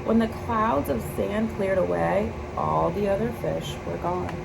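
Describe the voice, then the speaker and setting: A woman's voice: medium pitch, unhurried. A woman reading a children's picture book aloud in a storybook narration style. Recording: clear steady background noise.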